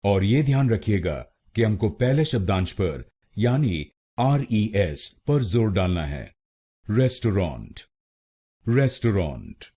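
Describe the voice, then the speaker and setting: Man, pronunciation teacher, slow syllable drills, low mellow voice, lively pitch. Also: breathy edge. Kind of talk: scripted pronunciation lesson.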